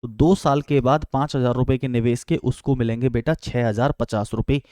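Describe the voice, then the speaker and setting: A man's voice: medium pitch, steady tone, normal speed, dark tone, dry recording, clean studio sound. A man teaching exam-prep maths, calling his students beta and friends and asking and answering his own questions.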